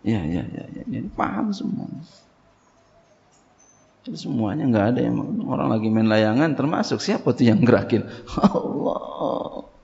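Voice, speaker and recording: A man's voice: medium pitch, expressive, normal speed, creaky, pauses often, dark tone. A man teaching a religious text, reading Arabic passages and explaining them in plain Indonesian, with casual asides and repeated key phrases. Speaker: Islamic boarding school teacher. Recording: long reverb, dull lo-fi sound.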